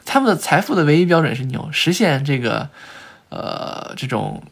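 A man as a podcast guest, telling travel stories in an animated way, with frequent filler sounds and restarts. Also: fairly high pitch, normal speed, gravelly, husky. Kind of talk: conversational storytelling in a podcast interview.

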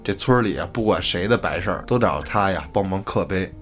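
Brief: laid-back male podcast storyteller, low voice, soft music under. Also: brisk. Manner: colloquial, relaxed, casual swearing. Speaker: podcast host. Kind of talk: storytelling narration.

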